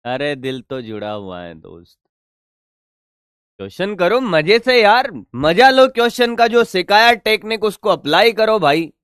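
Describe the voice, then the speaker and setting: A man's voice: high-pitched, big pitch swings, a little slow, a bit bright, clean tone, no echo, clean studio sound. A man teaching a physics lesson in a chatty, teasing way, working through circuit problems and answering his own students' questions. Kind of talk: online physics lesson at a board.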